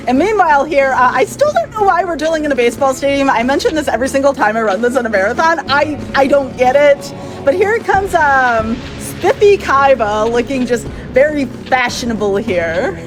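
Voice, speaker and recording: Upbeat high-voiced woman speedrunner. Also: lively intonation, normal speed. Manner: chatty and upbeat, laughs often. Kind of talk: live speedrun commentary. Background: game music.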